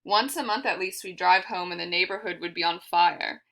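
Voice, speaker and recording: A woman reading a memoir aloud for a library, in a steady, measured storytelling manner. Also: on the low side, vocal fry. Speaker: library reader.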